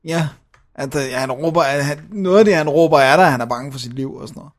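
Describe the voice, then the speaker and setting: A man chatting casually as a podcast co-host, relaxed and agreeable, often ending his points with a tag question. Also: on the high side. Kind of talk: casual chat.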